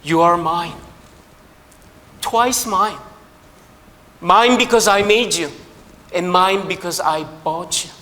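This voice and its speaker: A man voicing an excited little boy pleading to get back the toy boat he built. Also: high-pitched, brisk, slight background noise. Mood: joyful. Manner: pleading, eager.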